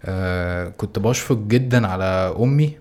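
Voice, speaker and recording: A man's voice: low voice, normal speed, a little mellow. A man with an Egyptian Arabic accent hosting a casual podcast chat in an informal, self-deprecating way. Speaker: podcast host.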